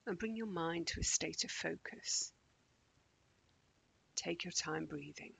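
A man leading a guided morning meditation in a slow, gentle, calming way, often dropping close to a whisper. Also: a little high, creaky, breathy edge, poor audio.

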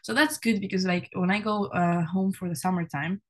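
A woman's voice: on the low side, moderate pace. A young woman from Spain, a university student, chatting casually as a podcast guest, with many "like" and "you know" fillers. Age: young adult.

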